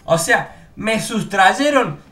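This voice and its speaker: A young man from Córdoba, Argentina, with a Córdoba accent, telling funny personal stories in a casual, animated way and acting out the voices of people he quotes. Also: high voice, slow pace. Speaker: YouTuber. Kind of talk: casual storytelling.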